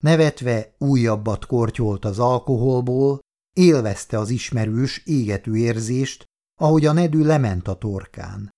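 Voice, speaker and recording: A man's voice: mid-range voice, warm tone. Man reading an audiobook steadily. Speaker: audiobook narrator. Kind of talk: scripted narration.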